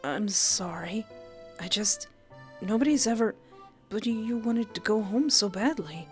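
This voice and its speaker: A woman voicing a shy, polite male mushroom creature in a visual novel, speaking in a halting, hesitant way. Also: medium pitch, soft background music, lightly acted. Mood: timid, earnest.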